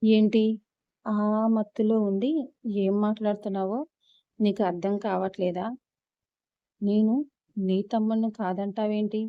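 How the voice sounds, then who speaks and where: A woman's voice: medium pitch, level tone, a little slow, pauses often, no echo, close to an everyday voice. A woman storyteller voicing a startled younger brother who protests earnestly, on a dull lo-fi recording.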